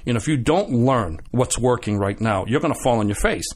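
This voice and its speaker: A man guest on a radio show, telling animated stories with many restarts and acted-out quotes. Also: medium pitch, a little fast. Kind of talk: casual storytelling chat.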